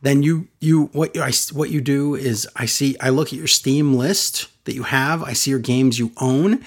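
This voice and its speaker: A man hosts a casual podcast in a playful, salesy voice, talking up listener perks with mock enthusiasm. His voice sits at an ordinary middle pitch for a man. His delivery is loose and joking. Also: slightly rough. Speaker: podcast host.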